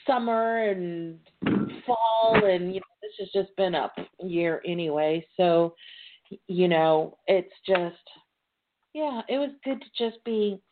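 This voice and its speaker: A woman's voice: on the low side, slow. Female call-in show host, informal and playful chat, phone-band sound with faint noise. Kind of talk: casual chat. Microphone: phone line. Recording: tinny phone line with noise.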